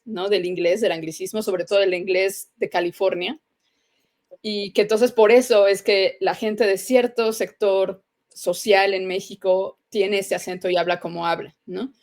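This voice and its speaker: A woman with a Mexican accent interviewing a guest, chatty, with many fillers and questioning tags. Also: mid-range voice. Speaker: editor and interviewer. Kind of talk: casual interview.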